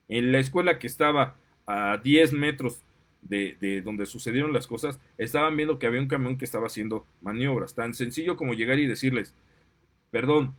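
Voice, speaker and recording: A man's voice: medium pitch, fairly bright tone. Mexican man, parent, heated opinion monologue, indignant, gets worked up. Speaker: parent and commentator. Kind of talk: impassioned monologue.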